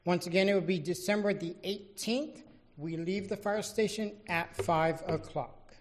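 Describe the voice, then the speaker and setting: An official presenting at a public meeting in an everyday, middle-pitched voice. The delivery is informal and matter-of-fact, like a fire chief briefing a council. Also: measured pace.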